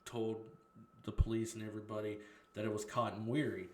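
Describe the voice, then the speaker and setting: A man's voice: lowish voice, flat delivery, brisk, a little mellow, echoey room. A man casually retelling a horror movie scene by scene, swearing freely and laughing at his own retelling.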